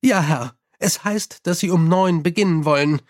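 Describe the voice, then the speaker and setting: A man's voice: a little high, moderate pace, lightly acted. Man doing an earnest young police captain. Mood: dutiful.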